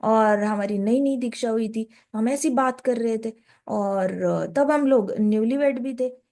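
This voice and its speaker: A woman's voice: a little high, a little slow, dark tone. A woman giving a conversational scripture talk as a devotional speaker, often mixing in English phrases.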